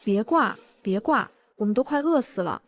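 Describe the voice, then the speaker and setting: A woman's voice: mid-range voice, lively intonation, normal speed, close to an everyday voice. A woman voicing a selfish older mother-in-law who whines and pleads for food. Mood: pleading. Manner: whining, pleading.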